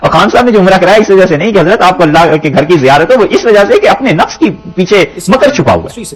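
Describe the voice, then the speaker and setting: A man's voice: sits high, expressive, quick pace, rough recording. A man teaching a Quran commentary, reciting verses and explaining them in plain talk, with stories and quoted lines along the way.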